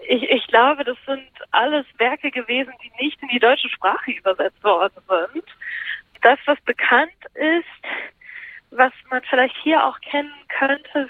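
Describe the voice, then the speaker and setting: A woman journalist answering interview questions in a thoughtful way, searching for her words as she talks. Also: mid-range voice. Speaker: journalist and columnist, interview guest. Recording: tinny phone line.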